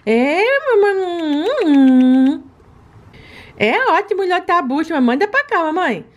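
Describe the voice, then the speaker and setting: [name], a woman doing a high greedy baby doll. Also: lively intonation, takes it slowly, muffled recording. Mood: pleading. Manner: cheeky, pleading, talkative.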